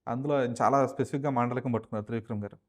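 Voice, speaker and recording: A man hosting an interview, asking questions and adding brisk, agreeable comments. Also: medium pitch, steady tone. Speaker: interview host.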